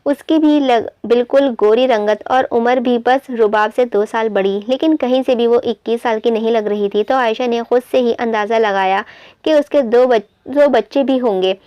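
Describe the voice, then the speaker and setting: A woman's voice: a little high, moderate pace, clear, resonant tone, dry recording, muffled recording. Woman reading a novel aloud. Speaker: novel reader.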